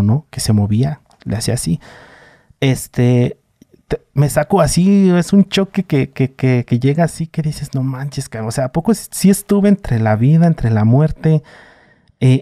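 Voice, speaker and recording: A man's voice: medium pitch, dry recording, clean studio sound. A man with a Mexican accent, a podcast guest, recounting a personal story in casual slang and acting out the others' lines. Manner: animated retelling with slang and voices for others.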